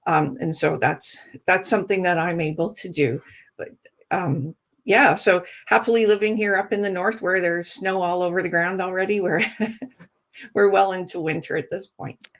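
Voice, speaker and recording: A woman's voice: lowish voice, fairly even intonation, normal speed. A middle-aged woman from Alberta, speaking earnestly as a candidate in a casual interview, with frequent ums and restarts. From Alberta, Canada. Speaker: political candidate guest.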